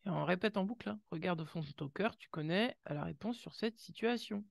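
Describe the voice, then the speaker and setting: Her voice sits on the low side, a little fast with vocal fry, captured in studio quality without echo. Addressing viewers warmly as "you," this woman reads intuitive oracle cards, full of exclamations, gasped wows and small sound effects.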